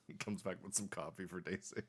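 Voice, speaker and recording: Man, low pitch, game master, casual improvised narration, hesitant, word-searching. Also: pushed and bright, slightly rough.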